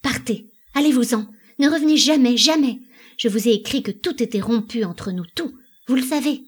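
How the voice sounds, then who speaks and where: A woman's voice: medium pitch, moderate pace, close to an everyday voice. A woman voicing an anguished married woman in a dramatic play reading, pleading with panicked outbursts. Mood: terrified.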